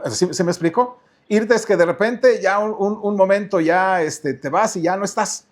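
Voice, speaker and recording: Mexican pastor, male, high voice, questioning sermon delivery with shifting pace. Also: moderate pace. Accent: Mexican Spanish. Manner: asks the congregation questions, repeats words, changes pace often. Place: church.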